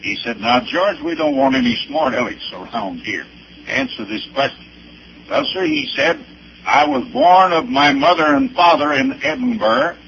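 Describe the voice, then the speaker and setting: This elderly man from Arkansas, 70s or older, preaches his personal testimony with anecdotes, pausing haltingly and stressing dates and places by spelling them out. His creaky voice sits on the high side, a bit bright, with huge pitch swings, captured on a dull old recording with faint noise.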